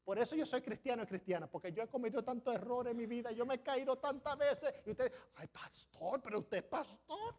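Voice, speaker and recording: Very high-pitched and a little mellow, a pastor delivers his sermon somewhat fast with few pauses, building to emphatic peaks. He isn't a native speaker, his first language isn't Spanish, and he sometimes stumbles over words in the church sanctuary.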